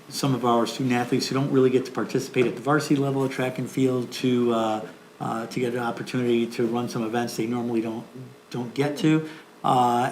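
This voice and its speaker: A man chats through a report at a board meeting, relaxed and a bit hesitant. He fills pauses with uh and um. The sound is roomy with faint background noise. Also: mid-range voice. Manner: casual, hesitant with fillers. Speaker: school board member. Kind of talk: meeting remarks. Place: school board meeting room.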